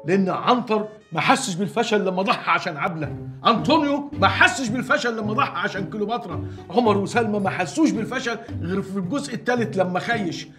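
A man's voice: high-pitched, fast, over music, natural voice. An actor playing a romantic, cowardly older man. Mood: boastful. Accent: Egyptian Arabic. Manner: grand, joking declarations. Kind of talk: comedy series acting.

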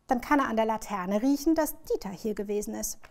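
A woman's voice: a little high, a little fast. A woman reading as a patient old grandma. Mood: explaining. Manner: calm, gently explaining. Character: kindly grandmother explaining patiently.

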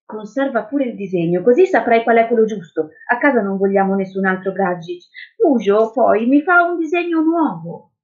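A woman's voice: on the high side, animated, normal speed, pitched above the performer's own voice, lightly acted. A woman voicing a determined little girl who speaks insistently and accusingly. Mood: stubborn. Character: determined little girl seeking her father. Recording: tinny phone-like sound.

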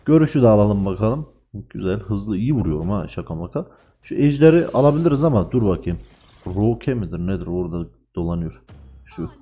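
A man with a dark, mellow voice gives rowdy live commentary on a mobile game as he plays. He gets worked up easily and swears at his own teammates. The recording sounds a little dull and lo-fi. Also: fairly low pitch, a little fast, slightly rough. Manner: excitable, swears and trash-talks teammates. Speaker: gaming channel host.

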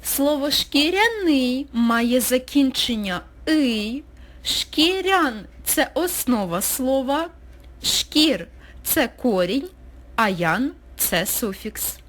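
A woman teacher narrating a recorded school lesson, speaking slowly and clearly as if dictating. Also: high voice, very animated, fairly bright tone. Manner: slow, clear, dictating pace.

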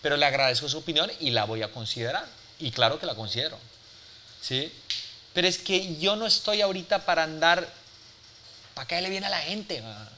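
Brief: forty-something male mentor, slightly high, sharp and forceful, blunt and profane with a crowd. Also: expressive, brisk, a little hiss or hum. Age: 40s. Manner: blunt, forceful, swears freely, peppers with "¿sí?". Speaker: business speaker and mentor. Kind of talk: live mentoring talk to an audience.

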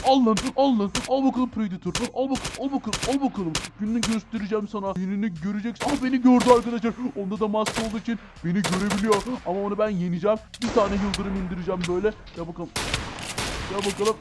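Male gaming host, high voice, fast delivery, excitable play-by-play, lots of gasps and asides to viewers. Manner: excitable, keeps calling out to viewers, gasps at scares. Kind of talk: excited Let's Play commentary.

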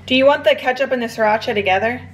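A woman's voice: fairly high pitch, very fast, a little hiss or hum. A young woman vlogging in a casual, chatty way, with lots of loose filler words as she talks to the camera. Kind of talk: casual vlog chat.

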